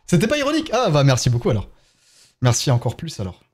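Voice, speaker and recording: A man with a French accent hosts a casual live game stream. His voice sits slightly high and moves animatedly from phrase to phrase. He keeps up a running chat, thanking viewers one after another. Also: huge pitch swings, fairly quick, a little mellow, slightly rough, faint music behind. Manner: chatty, thanks viewers one by one while playing.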